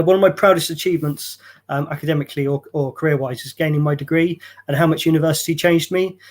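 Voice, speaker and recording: A man's voice: on the high side, darkish tone. A man in his forties giving a casual self-introduction as a students' union activities coordinator, with many ums and uhs. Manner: chatty, with frequent ums and uhs.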